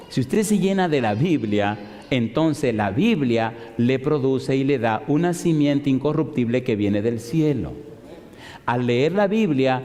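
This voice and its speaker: A man's voice: medium pitch, dark tone. A male pastor preaching a sermon in a conversational, storytelling way, throwing rhetorical questions at the congregation. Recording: echoey hall reverb.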